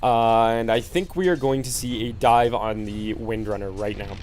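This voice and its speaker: A man's voice: mid-range voice, moderate pace, a little mellow, a little hiss or hum. A man commentating a video game match alone, laid-back and explanatory with many fillers, sleepy and yawning. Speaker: esports commentator. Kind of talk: solo play-by-play game commentary.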